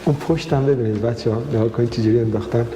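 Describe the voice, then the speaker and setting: A man hosting a school tour, talking quickly and excitedly as he interviews staff and repeats his points to viewers. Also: medium pitch. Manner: rapid, excited, repeats phrases. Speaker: host touring a school. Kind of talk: fast touring commentary and interview. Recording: echoey room with faint noise.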